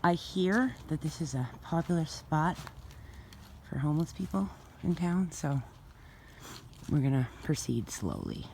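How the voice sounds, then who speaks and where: A woman's voice: low voice, sing-song, measured pace, dark tone. A woman films herself on a handheld phone while she walks an outdoor winter cemetery. She talks loosely and thinks aloud as she goes, with frequent fillers, and sounds a little winded from the walk. A faint noise hangs in the background. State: slightly out of breath from walking. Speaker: author giving a tour. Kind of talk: casual walking vlog.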